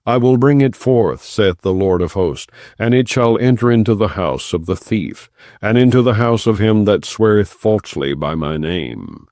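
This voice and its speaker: A man with a lowish, slightly mellow voice reads scripture for an audiobook, solemn and undramatized yet animated, with deliberate phrasing and pauses between clauses. The recording is dry and of studio quality.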